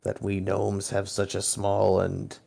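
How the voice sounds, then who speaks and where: A man voicing a courteous, grave gnome warrior in a tabletop game, speaking in a formal, measured way. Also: deep voice, monotone, vocal fry, dark tone, full character voice. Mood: solemn warning. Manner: formal, solemn, measured speech.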